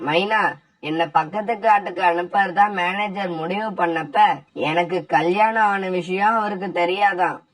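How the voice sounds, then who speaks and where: A woman's voice: lowish voice, a little slow, close to an everyday voice, poor audio. A woman voicing a kind, trusting young husband bird in a cartoon, with an affectionate, plain-spoken delivery. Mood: cheerful. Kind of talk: cartoon voice acting.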